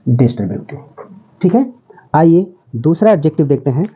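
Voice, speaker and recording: A man's voice: on the high side, lively intonation, moderate pace, warm tone, breathy edge, dull audio. A man teaching English grammar step by step, often asking his students if they follow and calling them "beta". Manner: explains step by step, often checks with "ठीक है?". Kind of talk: classroom lesson.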